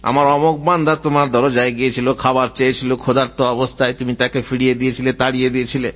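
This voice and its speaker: A male Islamic preacher giving a sermon in an animated storytelling way, quoting Arabic and then explaining it. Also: mid-range voice, fast. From Bengal. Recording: dull lo-fi audio.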